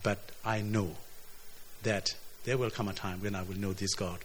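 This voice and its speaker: A man from preaching a sermon, earnest, often repeating words as his voice swings between emphatic highs and quiet lows. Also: steady tone, normal speed, a little hiss or hum. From South Sudan. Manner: earnest, repeats words, rises and drops in pitch and loudness.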